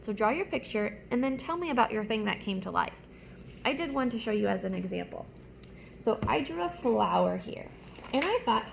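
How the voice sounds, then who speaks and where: A woman with a high, creaky voice teaches elementary children, reading aloud and keeping her explanations simple. It's a read-aloud and writing lesson, recorded with faint background noise.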